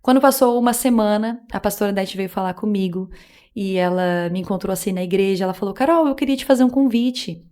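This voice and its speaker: A woman shares her faith testimony in a relaxed podcast chat. She speaks earnestly and with feeling, often slipping into the voices of remembered conversations. Her pitch sits in the middle range. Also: fast talker. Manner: earnest, emotional storytelling with quoted dialogue. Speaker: podcast guest.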